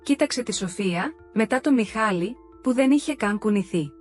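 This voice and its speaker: A woman narrating a story in a steady, even storytelling manner. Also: mid-range voice, soft background music.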